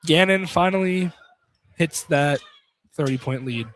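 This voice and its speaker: A college basketball play-by-play man calls the game live on radio, chatting conversationally and repeating phrases. His voice is on the high side, a bit bright and a little slow, amid noisy broadcast audio with clicks.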